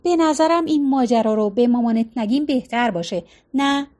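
A woman's voice: on the high side, animated, a little mellow, close to an everyday voice. A woman reading a fed-up, sarcastic wife. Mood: exasperated. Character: weary, exasperated middle-aged wife.

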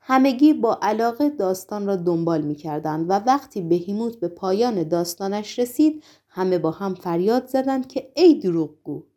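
A woman narrating a novel aloud in an even storytelling manner. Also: mid-range voice. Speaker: audiobook narrator. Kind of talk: scripted narration.

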